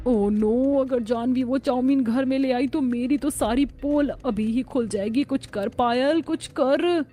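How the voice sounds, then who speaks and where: Woman voicing a young bride, cartoon, sly, scheming, slightly high voice. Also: a little slow, mellow. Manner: sly asides to herself. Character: scheming young bride who can't cook. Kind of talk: animated family drama voice acting.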